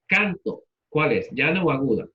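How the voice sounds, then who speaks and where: A man's voice: fairly high pitch, sing-song, normal speed, muffled recording. A man teaching a class, repeating students' answers and asking them questions in turn. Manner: patient, repeats answers back and asks questions.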